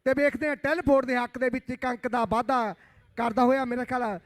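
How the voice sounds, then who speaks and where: A man giving live kabaddi commentary in exclamatory, rhyming chants with drawn-out phrases. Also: very high voice, fairly even intonation, no room sound.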